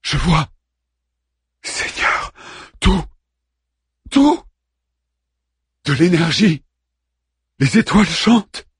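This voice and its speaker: Man playing a frantic awestruck man, high strained cries, husky. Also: no room sound, studio quality, heavily acted. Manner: cries out in awe and terror. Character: shaken adult man overwhelmed by visions.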